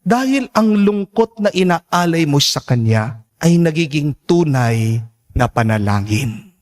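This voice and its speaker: A man's voice: on the high side, sing-song, a little slow, darkish tone. A man, a priest delivering a sermon and calling on the congregation for responses.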